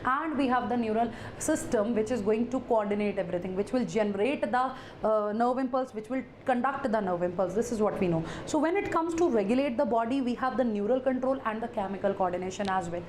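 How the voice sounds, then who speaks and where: A woman teacher with a high voice and a North Indian accent gives a live lecture. She speaks straight to her students, repeats her phrases and slips in Hindi interjections. The room is echoey, with faint noise behind her. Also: fairly quick, few pauses, a little mellow.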